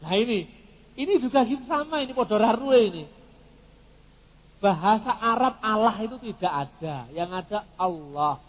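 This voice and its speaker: A middle-aged man with a fairly high voice, teaching theology in a lively, joking way. His words carry the long echo of a hall, and the recording sounds a little dull. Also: moderate pace. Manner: animated, jokey, mixes in Javanese words. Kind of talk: lively teaching talk with humor.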